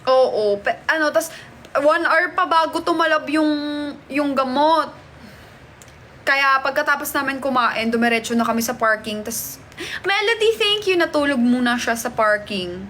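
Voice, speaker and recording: A woman's voice: high-pitched, lively intonation, measured pace, a bit bright, a little hiss or hum. A woman hosting a casual live stream from a hotel, chatting and greeting viewers as she reads their comments. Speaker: livestream host. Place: hotel room.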